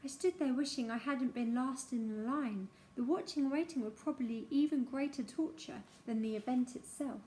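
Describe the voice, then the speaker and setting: High-voiced woman reading a memoir aloud. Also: moderate pace, few pauses, a little hiss or hum. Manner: expressive storytelling. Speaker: narrator.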